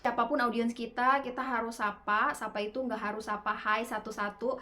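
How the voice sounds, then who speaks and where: A woman teaching public speaking in an online webinar, with lively rising and falling intonation and casual fillers. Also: fairly high pitch, a little fast. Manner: gestures constantly with her hands; casual Indonesian fillers like "gitu ya".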